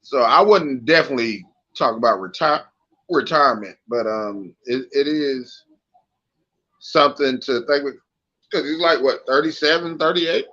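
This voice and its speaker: A man's voice: medium pitch, normal speed, sharp tone. A man giving laid-back, colloquial opinions in a casual sports chat, often repeating words as he talks. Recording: dull lo-fi sound.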